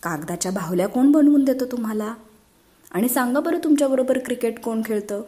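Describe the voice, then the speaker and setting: A woman voicing a calm mother who gently scolds and coaxes her sons with brisk questions. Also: a little high, pitched above the performer's own voice, lightly acted. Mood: coaxing.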